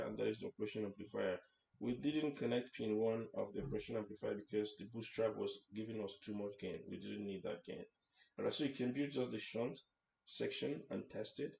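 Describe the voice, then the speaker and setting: A man with a lowish, slightly mellow voice and some vocal fry narrates an informal, hands-on electronics tutorial. He walks through each step and checks in as he goes, and the recording has a roomy echo with faint background noise.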